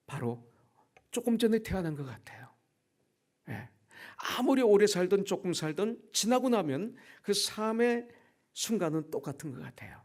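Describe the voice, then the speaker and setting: A pastor in his sixties preaching a sermon, telling a personal story and acting out the dialogue in it with shifts in pitch and volume. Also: darkish tone. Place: church sanctuary.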